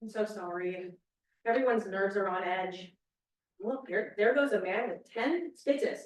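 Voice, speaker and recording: A woman's voice: mid-range voice, a little slow, slight background noise. A woman reading a play aloud, playing a pushy, blunt housewife. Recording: echoey room, distant mic.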